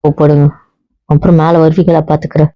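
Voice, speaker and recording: A woman's voice: low voice, flat delivery, fast talker, dry recording, close to an everyday voice. A woman playing a bride-to-be who teases and soothes her groom. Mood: teasing. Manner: playful, teasing. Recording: muffled lo-fi sound.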